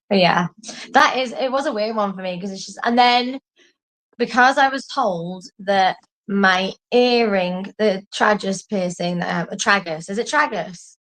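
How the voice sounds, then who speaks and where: The recording is low quality, and her mid-range voice runs a little slow. As co-host of a casual chat, this woman, from an English family and having lived in Singapore, rambles through animated stories full of self-mockery and the odd swear word.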